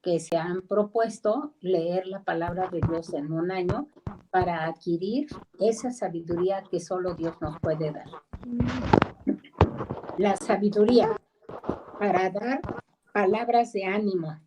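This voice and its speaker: A woman's voice: on the low side, background noise. A middle-aged woman with a Mexican Spanish accent teaching a discipleship class over a video call, talking in a conversational way and acting out the voices she quotes. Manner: conversational, acts out quoted voices, pauses to ask people to mute. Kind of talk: online Bible class teaching.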